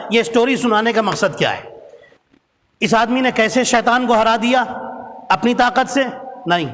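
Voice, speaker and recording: A man's voice: very high-pitched, fairly bright tone, slight background noise. A male preacher telling a story in a sermon, often urging the audience to pay attention. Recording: long hall reverb.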